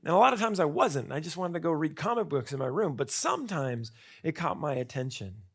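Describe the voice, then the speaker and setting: Gravelly man giving a talk. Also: fairly high pitch, lively intonation, a little fast. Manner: conversational, asks rhetorical questions; frequent fillers and restarts. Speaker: conference speaker. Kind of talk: conference talk.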